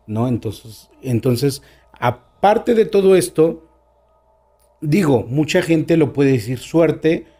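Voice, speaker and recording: Expressive Mexican man telling stories. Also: fairly high pitch, slow. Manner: expressive storyteller, shifts tone and stresses words. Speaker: guest storyteller. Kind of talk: casual podcast conversation.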